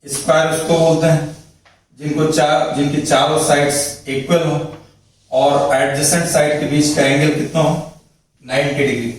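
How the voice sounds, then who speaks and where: A man's voice: on the high side, level tone, normal speed. Man lecturing in an echoey room. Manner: explains step by step, repeats points, asks checking questions. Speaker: physics teacher. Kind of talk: classroom lecture at a board. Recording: echoey room, mic far off, faint noise.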